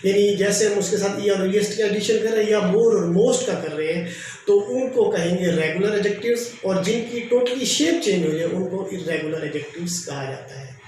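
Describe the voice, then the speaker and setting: A man teaching a grammar lesson, explaining slowly and repeating each example. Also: high-pitched, darkish tone. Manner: slow, repetitive explaining. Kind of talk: classroom lecture. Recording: very echoey room, faint noise.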